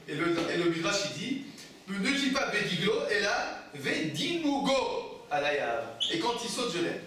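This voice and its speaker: A little hiss or hum runs under this Torah study lesson, where a rabbi with a fairly high, fairly bright voice questions his students and supplies the answers himself. He repeats phrases and restarts while explaining texts, captured by a far-off mic in an echoey room.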